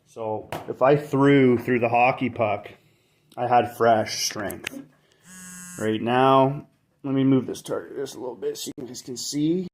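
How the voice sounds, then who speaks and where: Sitting near a fireplace, a middle-aged channel host from Canada chats on a livestream in a medium-pitched, darkish voice, speaking a little slowly. He rambles cheerfully and keeps fixing what he's said, and the far-off mic picks up lots of room echo.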